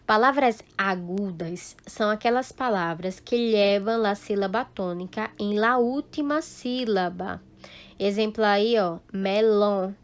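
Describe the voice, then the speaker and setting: A woman's voice: mid-range voice, measured pace. A woman teaching a recorded class, explaining step by step and checking often that the students follow. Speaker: Spanish teacher.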